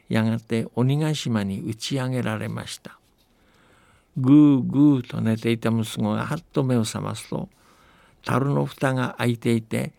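A man on a radio show, chatting casually and then narrating a folktale in a gentle, unhurried way. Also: medium pitch, gravelly, no room sound. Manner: gentle, unhurried conversational telling.

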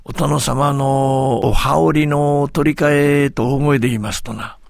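A man's voice: fairly high pitch, steady tone, measured pace, gravelly, no echo, clean studio sound. A man voicing a sly, boastful village tall-tale teller who speaks with humble, servile politeness. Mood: storytelling.

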